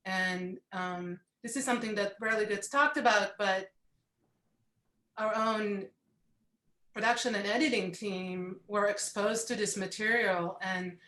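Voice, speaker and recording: A woman documentary producer speaking frankly and in a measured way in an interview. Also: mid-range voice, fairly even intonation, sharp tone. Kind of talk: remote interview answers. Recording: echoey room.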